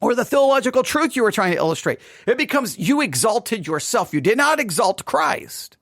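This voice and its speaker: A man's voice: very high-pitched, sing-song, normal speed, fairly bright tone, dry recording, clean studio sound. A middle-aged man, a pastor with a West Texas twang, giving a seated teaching talk with emphatic repetition and rhetorical questions. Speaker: pastor speaking at a conference.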